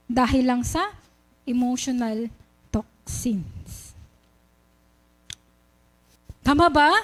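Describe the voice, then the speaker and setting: High-voiced Filipina woman preaching. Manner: asks the congregation questions, storytelling. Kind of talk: sermon. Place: church.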